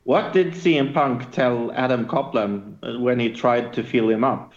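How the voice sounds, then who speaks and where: A man's voice: mid-range voice, moderate pace, lo-fi sound. A man co-hosting a podcast in casual chat from a hospital room, with a laid-back delivery and lots of fillers, his voice sounding like it is in a cave. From Norway. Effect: cave-like echo. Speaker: podcast co-host.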